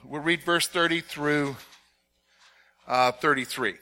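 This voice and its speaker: A man teaching a Bible passage as a pastor, animated and posing fill-in-the-blank questions to his listeners. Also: on the high side, takes it slowly. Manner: animated, asks the audience to fill in words. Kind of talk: expository sermon with audience questions.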